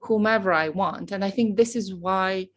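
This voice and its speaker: Speaking at a normal pace with a medium-pitched voice, a middle-aged woman from Romania, a professor, shares her story in a casual interview chat. As a guest she comes across as outgoing and boisterous.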